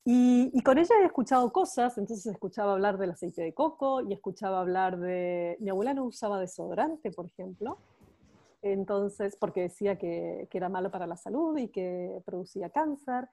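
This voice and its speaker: A woman's voice: mid-range voice, expressive, normal speed, warm tone. A woman in her forties from Argentina, with a Buenos Aires accent, telling stories as a podcast guest, with hesitant repeats. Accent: Buenos Aires Spanish. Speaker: guest, cosmetics expert. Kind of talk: casual podcast interview.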